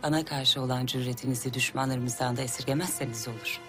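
A woman's voice: extremely low pitch, fairly even intonation, fast talker, faint music behind. A woman acting as an imperious, composed Ottoman sultana, formal and commanding in a period drama. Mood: stern.

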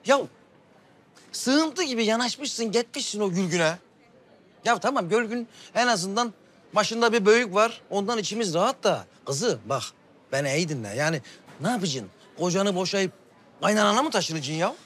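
A man's voice: high-pitched, expressive, a bit bright. An actor playing a middle-aged, hot-tempered father who blusters and grumbles in a TV drama. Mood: scolding. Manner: blustering, quick to anger, grumbling. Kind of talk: TV drama acting.

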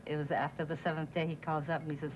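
A woman's voice: sits low, level tone, racing, a little hiss or hum, rough recording. A fisherman's wife earnestly recalling the days she waited for news of her husband's boat, speaking at home. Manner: earnest recollection. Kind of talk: reminiscing interview.

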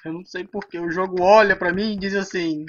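A young Brazilian man commentating a game, swinging from groans to loud dramatic outbursts. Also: high-pitched, fairly even intonation, brisk, lo-fi sound, a little hiss or hum. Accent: Brazilian Portuguese. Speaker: gamer playing a social deduction game. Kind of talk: excited gameplay commentary.

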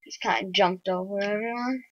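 A woman quietly thinking aloud while playing a video game, in casual commentary on a dull lo-fi recording. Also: mid-range voice, moderate pace, no room sound. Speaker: gamer.

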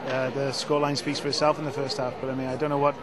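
A man's voice: medium pitch, flat delivery, racing. A middle-aged man, a coach, speaking frankly and matter-of-factly after a loss. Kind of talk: post-match interview. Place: outdoor stadium, post-match. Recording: crowd noise behind.

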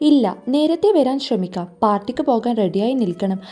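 A woman's voice: fairly high pitch, animated, a little fast, dark tone. A woman voicing a stern, commanding young husband who gives curt orders in a storybook reading, over faint music.

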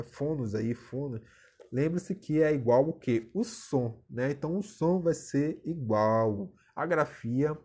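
A young male teacher gives a recorded video lesson. His voice is husky and sits at a middle pitch. He talks in a chatty way, always asking rhetorical questions and adding tag questions. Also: a little mellow.

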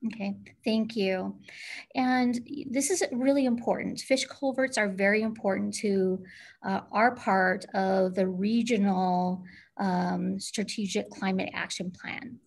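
A woman city council member asking measured, earnest questions in a meeting over a video call. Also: mid-range voice, fairly even intonation, gravelly.

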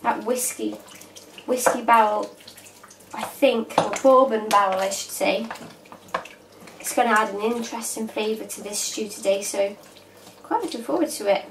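A woman in her thirties, a cooking vlogger, chats casually while cooking in her home kitchen, talking at medium pitch and a moderate pace with frequent pauses. A camera mic across the room picks her up in an echoey, noisy space, with pots and cutlery clattering in the background.

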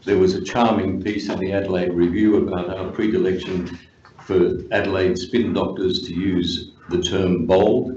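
A very deep-voiced man makes a formal, wry point in a council meeting, halting with ums. The room is echoey, with dull sound and steady noise. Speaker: city councillor. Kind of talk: committee meeting discussion. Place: council chamber.

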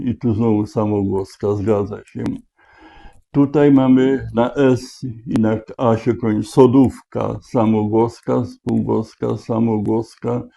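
A man works through a crossword out loud, unhurried and methodical, sounding out letters one by one. His voice is very dark and mellow, caught on a dull, lo-fi recording. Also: lowish voice, creaky. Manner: slow, deliberate, spelling out letters. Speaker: crossword solver. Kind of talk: thinking aloud while solving a crossword.

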